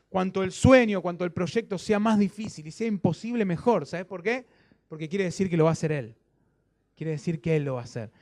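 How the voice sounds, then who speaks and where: A man with a Rioplatense Spanish accent delivers a sermon, his voice sitting high for a man. The recording is dry and close. He repeats his lines for emphasis and keeps asking the listeners a short "¿sí?". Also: darkish tone, no room sound. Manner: questioning the congregation with frequent "¿sí?". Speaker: pastor.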